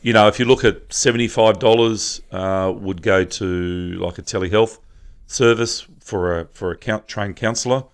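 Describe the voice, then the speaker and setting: A man explaining where charity funds go in a casual podcast chat, halting with frequent ums and restarts. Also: lowish voice, steady tone, smooth. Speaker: charity representative.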